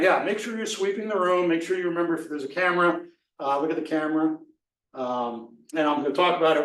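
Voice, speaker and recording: Recorded from far off in an echoey room, a man with a fairly high, fairly bright voice leads a workshop on presentation skills. His casual live workshop talk is loose, with many fillers and restarts.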